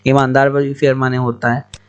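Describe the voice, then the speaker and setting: A man teaching English pronunciation in a spoken lesson, spelling words out letter by letter in a slow, explanatory way. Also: medium pitch, little pitch movement, clear, resonant tone. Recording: dull lo-fi recording.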